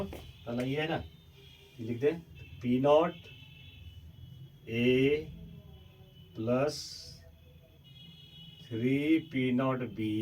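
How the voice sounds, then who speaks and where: A man with a medium-pitched, slightly mellow voice teaches chemistry at the blackboard, solving problems step by step. He calls his students children, coaxing and repeating himself, and drifts away from the mic while writing so his voice fades in and out, heard from a distance with faint room noise.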